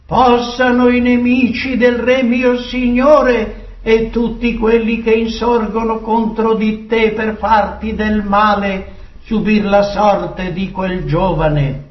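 A man voicing a humble servant messenger, high and proclaiming. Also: level tone, slow. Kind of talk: dramatic scripture reading. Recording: distant echoey dull recording.

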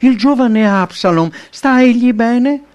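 A man voicing an aging king mourning his son, in a slow, drawn-out, wailing lament. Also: very high-pitched, clean tone, muffled recording, pitched above the performer's own voice. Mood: anxious. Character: grieving old King David, father mourning son.

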